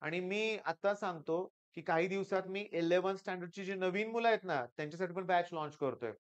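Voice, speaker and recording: High, smooth-voiced stern male teacher. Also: a little fast, muffled recording. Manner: stern, lecturing, firm rhetorical questions. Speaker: coaching class teacher. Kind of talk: direct advice talk to students.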